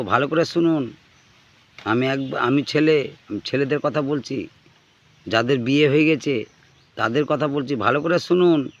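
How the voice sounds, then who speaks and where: A man telling a humorous story straight to his audience in an animated way, often urging them to listen. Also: mid-range voice, lo-fi sound. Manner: animated, addresses listeners directly with appeals to listen. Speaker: comic storyteller. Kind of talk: humorous first-person monologue to an audience.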